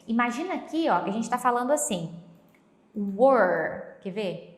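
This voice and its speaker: A woman from Brazil teaching English pronunciation through a song, explaining step by step and slowly repeating lyric lines. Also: a little high, big pitch swings, roomy sound.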